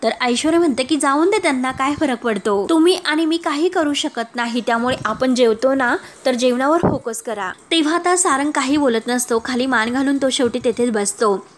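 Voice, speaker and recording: A woman's voice: sits high, moderate pace, a little hiss or hum. A woman narrating a recap of a television serial episode, retelling each scene and reading out the characters' lines in turn. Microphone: voice-over.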